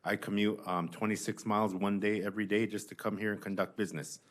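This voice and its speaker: A man giving spoken testimony as a witness at a hearing, earnest and insistent, often halting and restarting his phrases. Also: fairly low pitch, flat delivery. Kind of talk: spoken testimony, answering questions.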